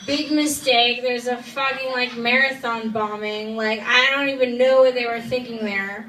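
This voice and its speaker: A woman's voice: a little high, fairly even intonation, moderate pace, a little hiss or hum. A drunk woman doing a rambling stand-up comedy set, talking loosely and swearing. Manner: loud, tipsy, rambling with lots of "like" and swearing. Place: comedy club stage. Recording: roomy club sound from a distance.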